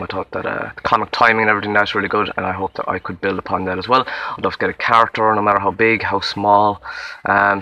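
A young Irish man with a Limerick accent talks through a rambling, self-deprecating audition tape, recorded outdoors in the woods. His voice is low-pitched, yet bright and forceful in tone. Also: highs cut off. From Limerick, Ireland. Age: young adult. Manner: rambling, self-deprecating, with many fillers and restarts. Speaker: acting auditionee. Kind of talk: casual self-introduction to camera. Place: outdoors in a wood.

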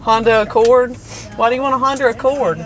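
A woman's voice: on the high side, steady tone, fairly quick. A woman in casual conversation inside a car, asking questions and echoing back what she hears. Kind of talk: casual chat.

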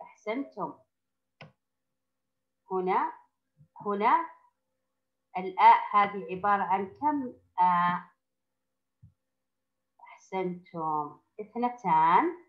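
A woman teaching first graders, who speaks slowly and patiently, stretches out the sounds she teaches and praises the class often. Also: mid-range voice, muffled recording. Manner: slow, patient, drawn-out sounds with frequent praise. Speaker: primary school teacher. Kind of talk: recorded classroom lesson for young children.

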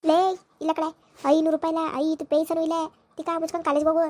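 A woman playing a sharp-tongued village mother who scolds her son with insults in a comedy skit. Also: very high voice, monotone. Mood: scolding. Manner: scolding, shouting insults, rapid-fire.

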